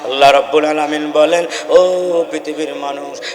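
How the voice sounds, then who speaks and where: A man preaching a sermon, chanting verses and rising into shouted, tearful appeals. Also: fairly high pitch, monotone, normal speed. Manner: chanting Quranic verses, then shouting and crying in emotional peaks. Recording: echoey hall with long reverb.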